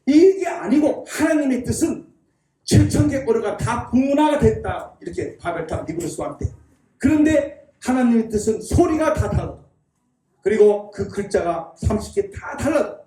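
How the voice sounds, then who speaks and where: High-voiced man lecturing in an echoey hall. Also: lively intonation, moderate pace, warm tone. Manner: drills the audience in call-and-response repetition; folksy, chuckling delivery. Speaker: lecturer at a church. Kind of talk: public lecture to a live audience. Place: church hall. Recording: echoey hall, mic at a distance.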